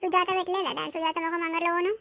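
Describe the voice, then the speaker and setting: A woman's voice: extremely high pitch, little pitch movement, quick pace, bright, forceful tone, dry recording, exaggerated voice. A woman voicing a bossy old village mother-in-law with a Telangana accent, scolding and nagging. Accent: Telangana Telugu. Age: over 60.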